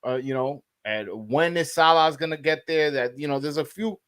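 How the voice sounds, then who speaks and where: A man interviewing casually about sport, haltingly, often repeating words as he forms his questions. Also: on the high side, fairly bright tone, clean tone.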